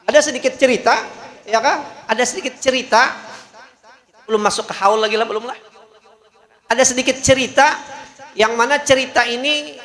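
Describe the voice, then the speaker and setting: A man's voice: extremely high pitch, bright, forceful tone. A man preaching, telling a story in a sermon with a jovial manner, laughing often and checking in with the audience. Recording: echoey hall.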